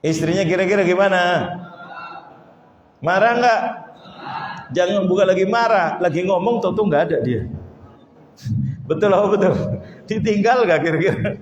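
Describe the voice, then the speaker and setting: Casting: high-pitched Indonesian male preacher, lively, quizzing his listeners, dull echoey hall recording. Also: normal speed, pauses often. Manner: animated, questions the audience, wide pitch swings. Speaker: Islamic preacher. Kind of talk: religious study lecture. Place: mosque hall.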